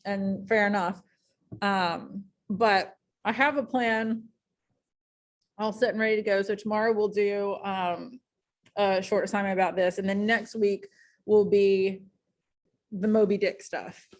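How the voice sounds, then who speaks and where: A woman teaching a high school English class in a casual, chatty way, full of ums and likes, speaking in a classroom. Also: fairly even intonation, measured pace. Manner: chatty, many fillers like um and like.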